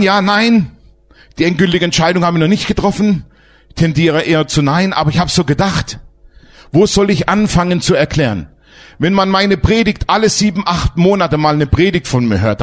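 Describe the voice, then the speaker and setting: A man preaching a sermon as pastor, emphatic and lively, asking his congregation questions. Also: sits high, moderate pace.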